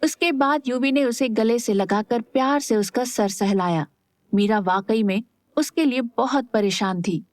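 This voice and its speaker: A woman narrating an audio story smoothly in a steady storytelling style. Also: on the high side, a little slow, no room sound.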